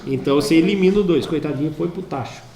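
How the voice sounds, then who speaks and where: A man's voice: a little high, fast talker, vocal fry, a crowd in the background. A Brazilian man teaching math to a class, playful and chatty, asking students questions as he works problems. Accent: Brazilian Portuguese. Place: school classroom. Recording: echoey classroom.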